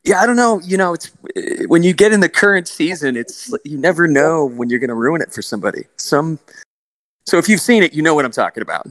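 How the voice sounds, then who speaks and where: A man's voice: a little high, expressive, quick pace, a bit bright, dry recording, poor audio. A man answering fan questions as a voice actor on a convention panel, joking and teasing the other guests. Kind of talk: casual panel Q&A.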